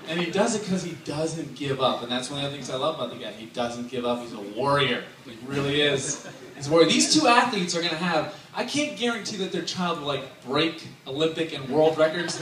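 A best man in his thirties, with a somewhat high voice, gives a joking wedding toast to a crowd, chatty and laughing between lines. He uses a handheld mic through speakers in a large indoor wedding tent with a dance floor, filmed from afar, so the audio is echoey and distant, with guests loudly laughing and cheering.

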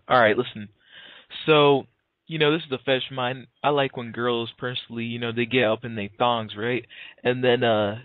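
Over a narrow, tinny telephone line, a prank caller in his early twenties feigns sincerity, his speech relaxed, full of slang and hesitation. He has a mid-range voice, and there's no room sound.

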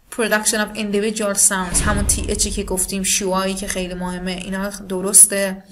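A woman whose first language is Persian, teaching an online lesson on speaking scores, who explains in Persian and reads English rubric lines slowly and deliberately. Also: mid-range voice, fairly bright tone. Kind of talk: recorded online lesson explaining scoring criteria.

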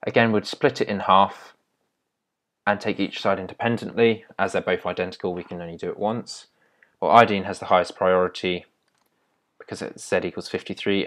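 A man's voice: low voice, fairly bright tone. A young man teaching chemistry step by step in a patient, explaining way, with small restarts. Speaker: chemistry tutor. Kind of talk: explaining at a whiteboard.

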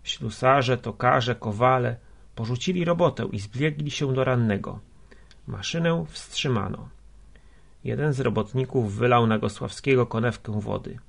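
A man narrating a literary story in a measured, steady way, with a gravelly, husky voice. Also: medium pitch. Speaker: audiobook narrator.

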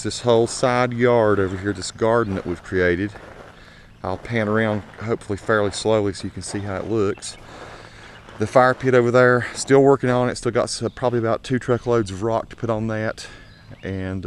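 This is a man with a lowish voice giving casual vlog narration: an unscripted, folksy, conversational walk-through of his home garden. It's recorded outdoors on an action camera mic while he walks, with slight background noise present.

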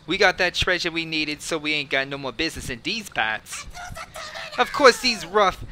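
A man's voice: a little high, lively intonation, normal speed, sharp tone, a little hiss or hum. A man doing a brash New Jersey villain wedding planner. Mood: swaggering.

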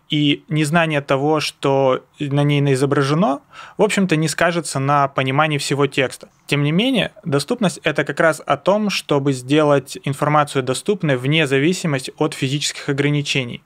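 A man's voice: a little high, fairly bright tone. A young man presenting an explanatory screencast lesson, talking informally and going through things step by step. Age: young adult. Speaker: presenter of a web accessibility lesson. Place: indoors, seated at a computer.

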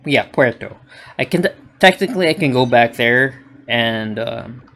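A man's voice: medium pitch, animated, unhurried, fairly bright tone. A man giving rambling let's play commentary, talking to himself with many hesitations as he plays a game. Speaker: gaming channel host.

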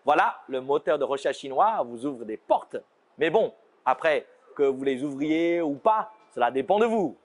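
A man from China with a Chinese accent, explaining brand names in a playful, scripted lesson and slowing down to show how words are said. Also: fairly high pitch, animated, creaky. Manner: playful, slows down to demonstrate pronunciations. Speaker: language teacher.

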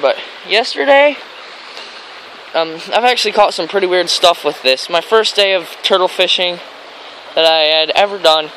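The voice is a man's, high-pitched, pushed, and bright: an American fishing vlogger chatting in a rambling, excited way on a grassy riverbank. His handheld camera mic captures a rough sound with a stream and traffic in the background.

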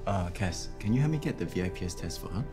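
A man in his thirties playing a calm, helpful career coach who explains things reassuringly in a screen drama. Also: deep voice, fast talker, over music. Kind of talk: naturalistic screen drama acting.

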